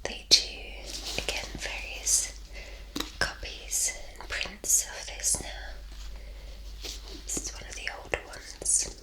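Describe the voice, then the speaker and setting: Lady doing whispered role-play as a polite librarian, super slow n crisp bright whisper. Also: low-quality recording. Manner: polite, unhurried, reassuring. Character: polite, helpful female librarian. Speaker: ASMR performer playing a librarian.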